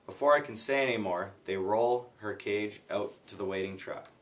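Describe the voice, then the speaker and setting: A man reading a children's book aloud in an unhurried, plain way, stopping now and then to redo a slip. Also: fairly low pitch. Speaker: guest reader.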